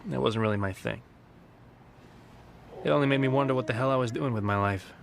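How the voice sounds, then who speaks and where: A young man playing a hacker who narrates his scheme in a calm, wry voice-over. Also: mid-range voice, a little fast, gravelly, background noise, natural voice. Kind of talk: scripted voice-over and dialogue. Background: film music.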